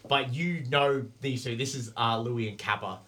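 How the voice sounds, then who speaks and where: A man's voice: medium pitch, moderate pace, fairly bright tone. A man running a tabletop game as game master, narrating in a loose, rambling way full of fillers. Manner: rambling, filler-heavy, profane.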